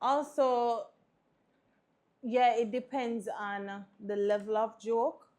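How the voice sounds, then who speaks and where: A woman's voice: on the high side, little pitch movement, takes it slowly, darkish tone. A woman with a Jamaican accent giving frank opinions as co-host on a casual talk show. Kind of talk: casual panel chat.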